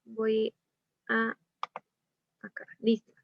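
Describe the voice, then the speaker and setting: A woman with a Colombian accent teaching a class online. Her voice sits fairly high as she keeps putting questions to her students and acts out different tones. The audio is dull, dry and lo-fi, like a video call. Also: monotone, drawn-out words, vocal fry, dry recording. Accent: Colombian Spanish. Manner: asks students many questions, demonstrates tones of voice.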